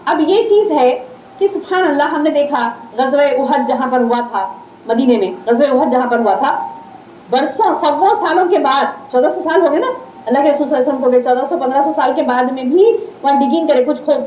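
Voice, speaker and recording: A woman's voice: high-pitched, animated, brisk, darkish tone, a little hiss or hum. A woman religious teacher with a Deccani Urdu accent giving a conversational Islamic lecture, repeating her key phrases. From India. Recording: roomy, slightly dull hall recording.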